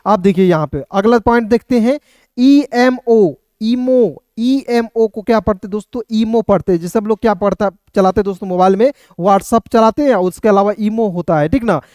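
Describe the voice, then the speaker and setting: A male online language teacher with a smooth, resonant voice, recorded close and dry. He spells words out letter by letter, keeps addressing his viewers as friends, and asks questions that he then answers himself. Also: high-pitched, moderate pace, darkish tone, dry recording. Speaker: English teacher.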